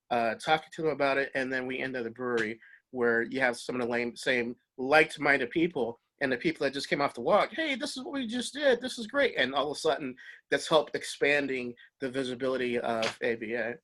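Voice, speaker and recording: A man's voice: mid-range voice, fairly even intonation, fast, a bit bright. A man speaking enthusiastically in a casual online webinar, rambling with plenty of fillers as a guest speaker on a video call.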